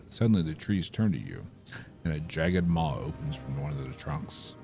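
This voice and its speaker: A man's voice: very deep voice, creaky, a little mellow. A man hosting a gaming video, commenting on play and reading the story text aloud. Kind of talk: game commentary and read-aloud narration.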